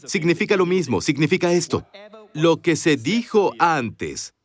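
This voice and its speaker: A man's voice: fairly high pitch, sing-song, a little slow. A man giving a dubbed sermon voice-over, preaching emphatically and asking the congregation rhetorical questions, recorded in a voice-over studio.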